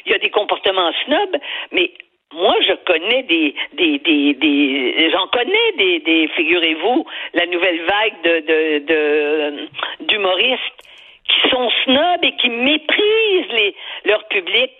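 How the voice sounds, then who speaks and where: Older female caller, Québécois accent, husky phone audio, emphatic, stumbling over repeated words. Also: fairly low pitch, sing-song, takes it slowly. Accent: Québécois French. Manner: emphatic, repeats words while searching for them. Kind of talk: opinionated radio call-in talk. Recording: tinny phone line.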